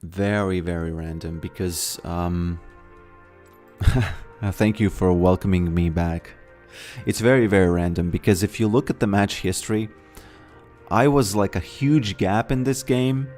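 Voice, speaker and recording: A man chats through a live game stream in a low, deep voice. He talks haltingly, repeating words and leaning on fillers. Faint music plays behind him. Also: fairly even intonation, darkish tone. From Latvia. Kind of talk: casual live-stream chat.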